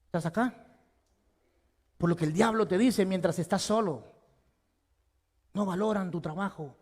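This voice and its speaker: Male pastor, impassioned sermon, high voice, long church reverb. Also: a little slow. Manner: impassioned preaching that swings between loud emphasis and hushed tones. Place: church sanctuary.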